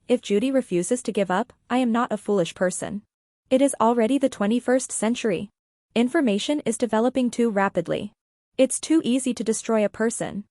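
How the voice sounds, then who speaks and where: A woman narrating an audiobook story in the first person, in an even, matter-of-fact manner. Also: fairly high pitch, dry recording, studio quality.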